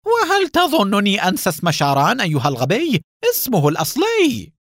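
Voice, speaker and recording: A man voicing a menacing enemy spy chief in a storybook reading, who shouts angrily. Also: medium pitch, huge pitch swings, moderate pace, slightly rough, dry recording, studio quality. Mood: furious. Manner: angry, shouting insults.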